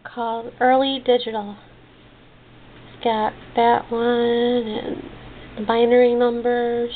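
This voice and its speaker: Seated at a desk indoors, a woman casually shows off the craft supplies she bought, halting, trailing off and rephrasing as she goes. Her voice is on the high side. The handheld camera's built-in mic gives a muffled, phone-like sound with clicky noise behind it.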